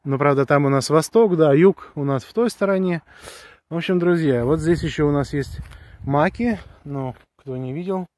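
A walkie-talkie review vlog shot on a handheld phone outdoors, on a grassy hillside with pine trees. The man's voice is on the high side and a little mellow, at a moderate pace with no echo, as he chats eagerly and rambles in slang.

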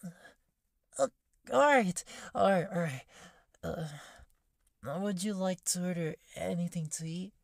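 A woman voicing a shy, flustered catgirl maid in a soft-spoken ASMR role-play, timid, hushed and halting, close to the microphone. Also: on the low side, steady tone, gravelly, dry recording. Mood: flustered, needy. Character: shy, flustered catgirl maid waitress craving head pats. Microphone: close, dry microphone.

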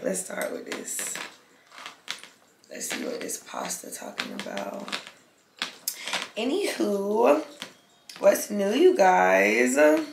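Medium-pitched and creaky, a young woman eats on camera while chatting loosely in a mukbang video. She swears a lot, uses plenty of slang, and chews between lines, recorded in an echoey room with faint background noise.

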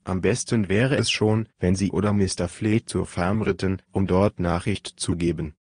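A decisive male adventurer who gives orders calmly, read by a man. The voice is very low and dry, and the tone is firm and measured. It sounds like an audiobook part. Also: breathy edge, no room sound. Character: calm, decisive male adventurer leading the search. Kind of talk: audiobook reading.

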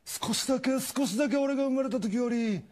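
A man's voice: extremely high pitch, quick pace, voice pushed up. A man voicing a brash, teasing 150-year-old male sea turtle in a comic retelling. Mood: gentle.

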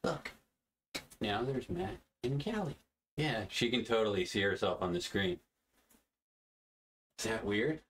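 A man casually vlogging while talking to his puppy in sing-song baby talk, his voice swooping up high, with faint noise behind him. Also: a little slow, long pauses, fairly bright tone. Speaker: gaming channel host.

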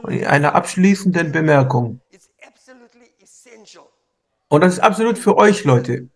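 Male sermon interpreter with a high voice, fervent, repetitive delivery with frequent self-corrections. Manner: fervent, repetitive, often restarts words.

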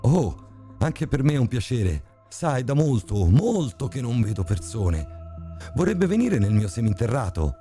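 A man voicing a deranged old woman obsessed with occult magic, talking in a shrill, frantic, cackling way. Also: big pitch swings, a little slow, warm tone, soft background music. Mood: gushing.

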